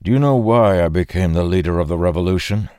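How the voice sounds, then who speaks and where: In a close, dry fantasy audiobook with no echo, a male narrator voices a vengeful rebel leader whose snarl rises above his own low narrating register. The delivery is fast and lightly acted, the tone dark yet clear and resonant, full of venom, harsh bitterness and grieving fury.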